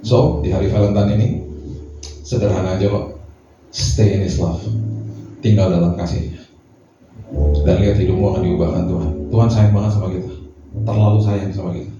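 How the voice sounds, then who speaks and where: A middle-aged man, a pastor, preaching a lively sermon full of slangy asides and rhetorical questions. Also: low voice, fairly quick, long pauses. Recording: echoey hall from a distant mic, dull sound, music behind.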